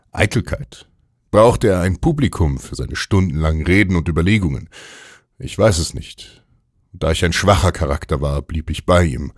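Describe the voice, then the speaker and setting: A man narrating a literary audiobook in a measured, even storytelling manner. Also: very deep voice, dry recording, clean studio sound.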